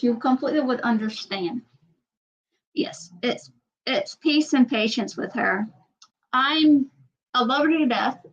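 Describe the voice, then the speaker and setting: A woman hosting a casual livestream chat, rambling and repeating herself as she reads out viewer comments. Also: on the high side. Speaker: channel host. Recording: dull lo-fi sound.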